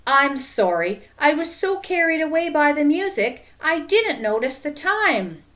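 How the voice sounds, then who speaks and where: A bubbly, absent-minded woman teacher from a storybook, her voice raised high and sing-song, as a woman reader puts her on. She speaks loudly and brightly, with her pitch swooping up and down. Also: big pitch swings, a little slow, full character voice. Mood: exclaiming. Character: cheerful, scatterbrained woman schoolteacher.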